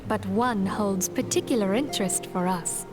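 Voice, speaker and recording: An actress voicing a solemn female leader of a secret order in a game, speaking in formal, measured, old-fashioned phrasing. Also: medium pitch, over music, natural voice. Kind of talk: game voice acting.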